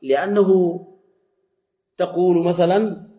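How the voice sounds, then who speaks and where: A man teaching a classical Arabic morphology lesson, explaining slowly and deliberately with frequent restarts. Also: sits high. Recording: dull lo-fi recording.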